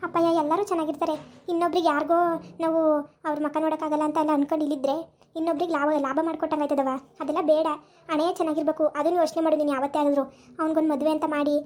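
A woman voicing a devoted young daughter who gently coaxes her mother in a village family drama. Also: high voice, close to an everyday voice. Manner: coaxing, earnest pleading.

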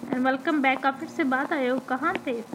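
A young woman from Pakistan, a game streamer with a hoarse throat, chatting and teasing viewers as she reads their comments during a live stream. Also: high-pitched, steady tone, unhurried, background noise. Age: young adult. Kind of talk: live-stream chat while gaming. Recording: loud gunfire from the game behind.

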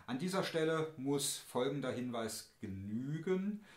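A man teaching a piano lesson, calm and deliberate, speaking straight to the viewer as he explains. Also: mid-range voice. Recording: roomy sound with piano.

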